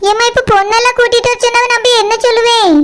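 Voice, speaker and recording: A woman voicing a sharp-tongued young village woman in a cartoon, speaking with a Kanyakumari Tamil accent and quick to accuse. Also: level tone. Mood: worried. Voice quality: high and bright. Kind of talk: cartoon voice acting.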